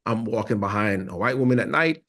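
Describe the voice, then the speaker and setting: Man, low voice, earnest, reflective, podcast guest. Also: lively intonation, brisk, a bit bright. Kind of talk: conversational interview.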